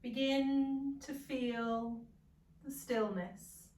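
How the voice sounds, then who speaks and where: A woman with a high voice guides a yoga nidra meditation at a very slow pace. Her instructions are calm, soothing and gentle, with long pauses between them. The recording has a roomy echo, and she sounds distant from the mic.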